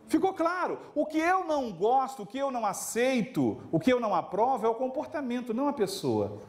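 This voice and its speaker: A middle-aged man lecturing teachers at an event, animated and acting out little scenes with his students. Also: very high-pitched, brisk. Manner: animated, acts out dialogue with students. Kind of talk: lively talk to a live audience. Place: event hall.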